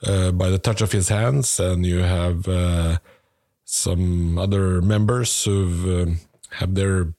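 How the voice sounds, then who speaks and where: A man in casual podcast chat, speaking in a hesitant, halting, understated way. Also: deep voice, fairly even intonation, dark tone, no echo, studio quality. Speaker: podcast co-host.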